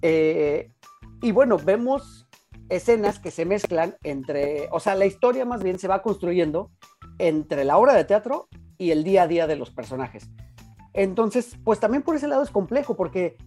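A woman co-hosting a film chat, giving frank opinions in an expressive way. Her voice is lowish and mellow. Faint music plays underneath. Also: normal speed. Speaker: film podcast co-host. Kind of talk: casual film review chat.

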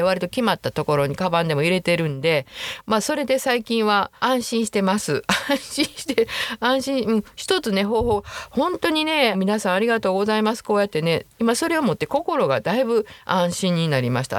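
A woman in her sixties with a Kansai accent hosts a casual podcast and reads listener letters. Her pitch swings up and down as she chats in a self-deprecating way and laughs often. The recording is dry and close, with no room sound. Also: dry recording. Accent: Kansai Japanese. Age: 60s. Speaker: podcast host. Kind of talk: casual chat reading listener mail.

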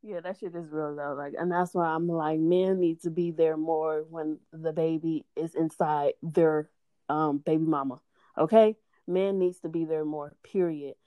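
A low, slightly slow female voice comes through with no room sound. She's a lively storyteller in a casual chat, peppering her tales with curses and laughter while acting out people's lines.

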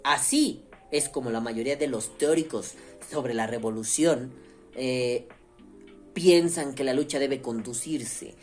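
A man's voice: medium pitch, slow pace, a little mellow, soft background music. A man with a Mexican accent hosting a podcast, talking in a casual, profane, rambling way. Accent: Mexican Spanish. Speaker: podcast host.

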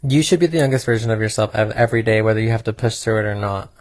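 A man's voice: lowish voice, rapid-fire, darkish tone. A young man co-hosting a casual podcast, teasing his co-host in a playfully preachy way. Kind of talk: casual chat.

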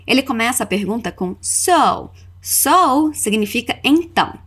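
An unhurried woman with a slightly high, animated, fairly bright voice teaches a scripted language lesson as a podcast host. She has a Brazilian accent and is instructive, carefully sounding out example phrases during repeat-after-me drills.

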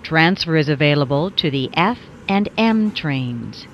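Low-pitched woman, spliced-together train announcement. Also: animated, measured pace. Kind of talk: scripted transit announcement. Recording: muffled recording with faint background noise.

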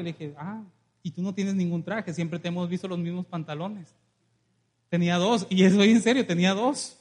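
A man preaching an animated sermon in a church, calling on the congregation and acting out stories. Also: high-pitched, husky. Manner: animated, calls congregation to respond, acts out dialogue. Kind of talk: lively sermon with storytelling.

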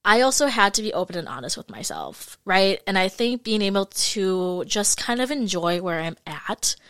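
Podcast host, woman, mid-20s, chatty and candid, clear smooth tone, dry close mic. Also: mid-range voice, very animated, moderate pace, fairly bright tone, no echo. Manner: chatty, frank, fillers like "like" and "you guys". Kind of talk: casual solo podcast monologue.

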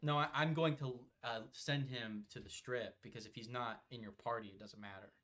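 A man's voice: mid-range voice, steady tone, moderate pace, a bit bright. A young man co-hosting a podcast, chatting casually about a video game while playing, rambling with lots of fillers and swearing. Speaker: podcast co-host.

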